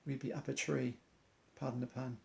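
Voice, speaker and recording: Gravelly, flat-voiced man. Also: mid-range voice, moderate pace. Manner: earnest, speaks in loose rhymes. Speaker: amateur athlete. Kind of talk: reciting an inspirational rhyming monologue.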